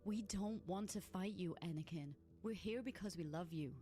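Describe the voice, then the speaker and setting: A gentle young woman warrior, as a man puts her on, speaks with a raised pitch. She is calm and caring, soft in tone. Faint music plays below. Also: a little fast.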